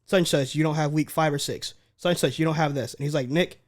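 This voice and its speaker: Young male podcast co-host, slightly high voice, animated storyteller. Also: fast talker. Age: young adult. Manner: animated storyteller, acts out quotes. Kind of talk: casual storytelling chat.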